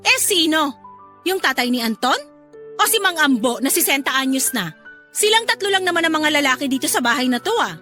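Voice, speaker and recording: Jealous pregnant wife in a radio drama, voice way up high, bright and cutting, sharp accusing tone. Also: female voice, animated, fairly quick, faint music behind. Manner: sharp, confrontational, spiralling into hysterical shouting.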